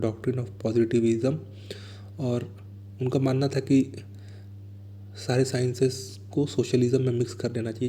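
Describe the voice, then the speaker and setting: Indian man, exam coach, dark mellow tone, monotone and unhurried delivery. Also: medium pitch, a little hiss or hum. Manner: reads questions slowly, then explains in fast asides. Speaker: exam prep teacher. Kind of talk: explaining exam answers.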